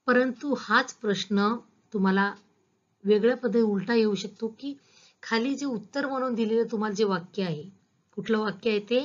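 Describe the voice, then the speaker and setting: A woman's voice: a little high, moderate pace, muffled recording. A woman school teacher giving a patient, step-by-step grammar lesson, asking her students questions as she goes.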